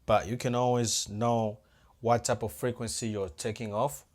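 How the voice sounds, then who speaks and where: A man's voice: mid-range voice, level tone, normal speed, a little mellow. A man giving a hands-on audio tutorial, talking casually to viewers and thinking aloud as he adjusts the equipment. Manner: talks straight to viewers as "guys". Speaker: audio-visual technician.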